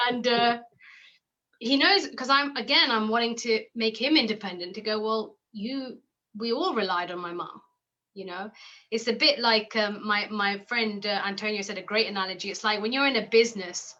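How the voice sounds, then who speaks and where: A woman talks in a personal interview, thinking aloud and circling back with fillers and restarts. Her voice is bright and clear, carried on a slightly dull, lo-fi recording. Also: medium pitch. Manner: reflective, halting with many fillers and restarts. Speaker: interview guest.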